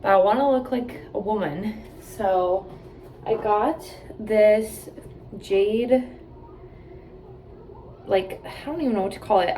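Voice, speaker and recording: A woman in her late twenties vlogs casually to camera from a hotel room, rambling with plenty of "like" and "um." Her mid-range voice is mellow, with slight background noise.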